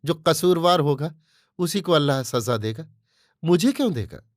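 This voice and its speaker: A man's voice: a little high, animated, moderate pace, no room sound, natural voice. Man reading as a meek old street vendor, deferential, embarrassed, dry close sound. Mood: resigned. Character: humble old male fruit seller, meek and embarrassed.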